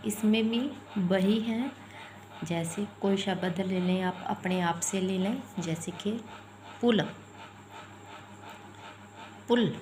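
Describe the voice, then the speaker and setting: A woman's voice: medium pitch, steady tone, slow, darkish tone, slight background noise. A woman teaching Hindi vowel signs, spelling words out sound by sound and repeating them patiently. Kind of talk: explaining letters and vowel signs.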